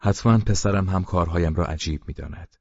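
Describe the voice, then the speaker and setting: A man voicing a quick-tempered male film director father within an audiobook, with a sharp, exclaiming delivery. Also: low-pitched, vocal fry, breathy edge, dry recording, heavily acted. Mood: forgiving. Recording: dull, muffled sound.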